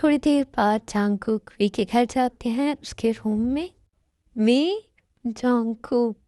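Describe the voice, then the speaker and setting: A woman's voice: fairly high pitch, a little slow, warm tone. A woman narrating an amateur fan-dubbed story in a plain storytelling manner.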